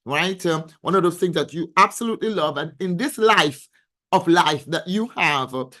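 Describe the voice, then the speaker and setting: Woman, financial coach, live-stream host, reads chat comments aloud, effusive, repeats yes, excitable. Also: lowish voice, moderate pace. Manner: effusive, showers comments with repeated yeses and praise; excitable, voice leaps up when she gets excited.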